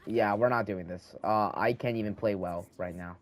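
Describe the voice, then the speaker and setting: Here a gaming channel host in his teens thinks out loud while playing at home, his rambling speech full of restarts and marked by a slight lisp. The pitch sits fairly low at a normal pace, picked up by a handheld mic with a little hiss or hum.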